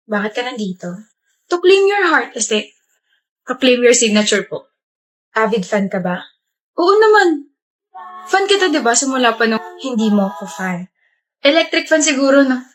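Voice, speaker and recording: A woman acting in a romantic comedy skit, full of flirty, joking lines. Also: a little high.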